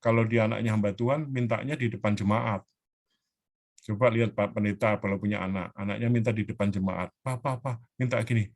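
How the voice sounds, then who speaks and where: A man, a pastor teaching a parenting class over a video call, earnest and animated, acting out children's pleas. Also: fairly low pitch, fairly quick, creaky.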